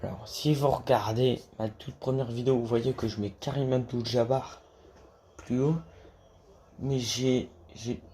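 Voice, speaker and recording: Guy chatting casually about hoops, lots of restarts, kinda dark voice, a bit of hiss in the room. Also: mid-range voice, fairly even intonation, a little slow. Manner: hesitant, many restarts and fillers, swears casually. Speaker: basketball YouTuber. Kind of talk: casual rambling monologue to camera.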